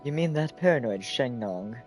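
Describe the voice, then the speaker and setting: A man's voice: medium pitch, animated, normal speed, faint music behind, natural voice. A man voicing a stern adult male warrior in a video game, who speaks curtly and scolds. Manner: curt, scolding.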